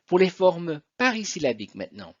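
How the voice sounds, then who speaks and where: A man's voice: high-pitched, very animated, brisk, dry recording. Man, teacher, patient step-by-step explanation, muffled lo-fi audio, dry close sound. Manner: patient, explanatory, walks through examples step by step. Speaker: Latin teacher. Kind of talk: recorded grammar lesson. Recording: dull dry lo-fi recording.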